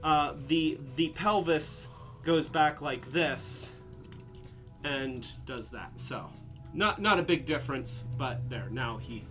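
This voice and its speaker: A man's voice: fairly high pitch, takes it slowly, fairly bright tone, faint music behind. A man hosting a casual live stream, a little drunk and slurring, rambling with restarts as he shows toys. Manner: rambling, restarts, a bit tipsy. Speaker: host of a toy live stream.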